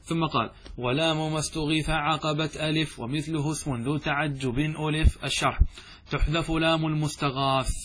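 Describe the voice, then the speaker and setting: A man's voice: a little high, steady tone, fairly bright tone, slight background noise. A man teaching a classical Arabic grammar text, reading lines aloud and explaining them, often asking questions and answering them himself. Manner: slows and stretches example phrases.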